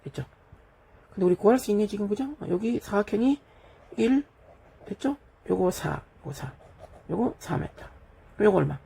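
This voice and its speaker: A middle-aged physics teacher with a gravelly, husky voice, slightly high yet dark and mellow, lectures through an exam problem while writing on a board. He's expressive, speaks at a normal speed with frequent pauses, and keeps checking in with "됐죠?" and "그죠?" to see if students are following.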